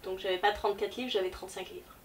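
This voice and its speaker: This woman, a book vlogger, speaks fast in a mid-range voice with a steady tone while showing off a casual book haul. She's chatty and hesitant, using many fillers, and the mic is distant with faint noise behind her.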